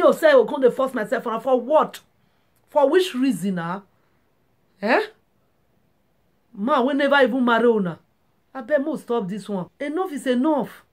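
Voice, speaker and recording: A woman with a Nigerian accent, giving relationship advice in a casual, preachy vlog monologue full of rhetorical questions. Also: fairly high pitch. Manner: preachy, emphatic, asks rhetorical questions often.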